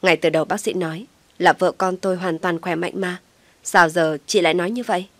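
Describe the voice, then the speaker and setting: A woman's voice: on the low side, fairly even intonation, brisk, no echo, lightly acted. A woman voicing a worried young husband. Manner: urgent, pressing.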